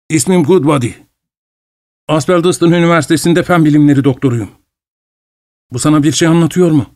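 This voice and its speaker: A feverish, frightened scientist, as a storyteller puts him on, his voice pushed high and tight with panic. He pleads and rattles on, high-strung and trembling. The sound is dry and close. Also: darkish tone, dry recording, lightly acted. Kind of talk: audiobook character voice.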